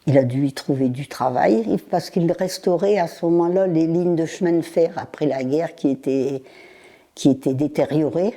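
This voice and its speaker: A woman in her nineties, recalling her childhood in an interview, speaking haltingly with pauses and repeated words. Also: low voice, warm tone. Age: 90s.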